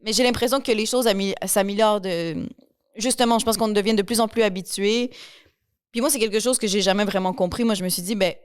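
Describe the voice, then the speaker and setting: A woman's voice: medium pitch, fairly even intonation, brisk, clear, resonant tone, no room sound, clean studio sound. A young woman from Quebec with a Québécois accent, hosting a podcast interview and talking in a chatty, enthusiastic way with frequent restarts. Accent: Québécois French. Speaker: podcast host. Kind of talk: casual interview conversation.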